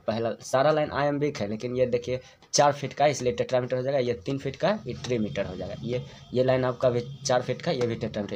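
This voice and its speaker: A man at an ordinary middle pitch teaching a lesson in a patient, methodical way. He goes point by point and says words over and over to model how they sound. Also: noisy background. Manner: patient, step-by-step, repeats words to show pronunciation. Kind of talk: classroom lesson explanation.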